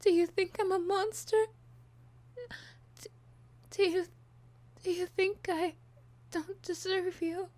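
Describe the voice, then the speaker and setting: A woman voicing a possessive, obsessive young monster girl in love, an unhinged, clingy villainess, in an ASMR role-play with breathy hushed stretches. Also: on the high side, steady tone, slow pace, pauses often, no echo. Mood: tearful, desperate.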